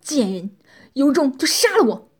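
A woman voicing a hot-tempered captive young man who shouts curses and later pleads, out of breath. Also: high-pitched, sing-song, unhurried. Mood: cursing.

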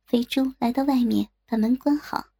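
High breathy woman reading a dirty story softly, mellow tone, little music behind. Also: fairly even intonation. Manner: slow, soft, intimate storytelling. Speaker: narrator. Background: faint music.

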